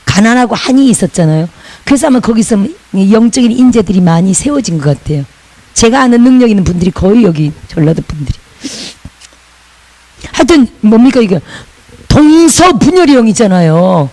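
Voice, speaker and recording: A woman's voice: a little high, expressive, fairly quick, mellow, low-quality recording. A woman pastor from Busan, preaching a sermon in a chatty way with laughing asides and call-and-repeat lines.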